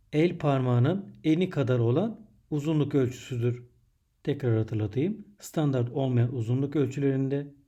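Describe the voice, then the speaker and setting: A man narrating a scripted primary school lesson, dictating in measured, separated phrases as a teacher does for young pupils. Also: medium pitch, mellow.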